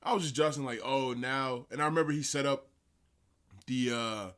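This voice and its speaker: A young man, a pro football player, cohosting a casual podcast chat and telling stories in an animated way, with many fillers and frequent laughs. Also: mid-range voice, normal speed, clear, resonant tone.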